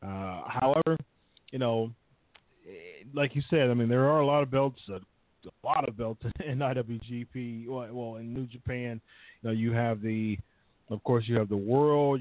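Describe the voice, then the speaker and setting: A man's voice: medium pitch, steady tone, normal speed, no room sound. A man calling in over the phone, chatting casually and rambling with lots of filler words. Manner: rambling, heavy on "uh" and "you know". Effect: over the phone, line cutting in and out. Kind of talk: casual wrestling chat. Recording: thin phone line, dry.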